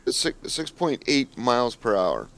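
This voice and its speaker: A man's voice: mid-range voice, sing-song, unhurried, fairly bright tone, slight background noise. A man chatting casually as a player in a tabletop role-playing game. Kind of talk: casual chat.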